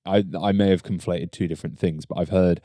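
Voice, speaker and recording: A man's voice: low voice, fairly even intonation, a little fast, dark tone, dry recording, clean studio sound. A man co-hosting a podcast, chatting enthusiastically about a film he loved. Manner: enthusiastic, chatty, swears casually. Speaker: podcast co-host. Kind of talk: casual film review chat.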